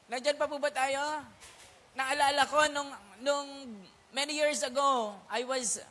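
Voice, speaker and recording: A man's voice: extremely high pitch, fairly even intonation, a little slow, pushed and bright. A male pastor preaching a sermon at a prayer meeting, mixing in English words and checking if listeners are still with him. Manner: keeps asking if listeners are still there; mixes English words into speech.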